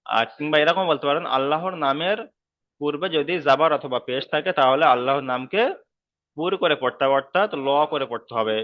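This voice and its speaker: A man's voice: on the high side, moderate pace, dull audio. A man teaching an online class on Quran reading, patiently repeating each rule and checking that students follow. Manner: patient, repeats rules many times, checks understanding. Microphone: video call.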